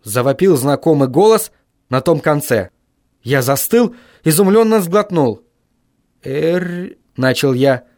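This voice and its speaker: A man narrating an audiobook in the first person, expressive storytelling. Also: fairly high pitch, measured pace, dry recording, clean studio sound.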